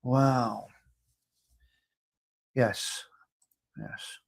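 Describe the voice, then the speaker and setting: Very slow and fairly even, his medium-pitched voice has vocal fry and a breathy edge. A man with a New York accent hosts a casual livestream, reading comments aloud with emphasis and frequent repetition and restarts.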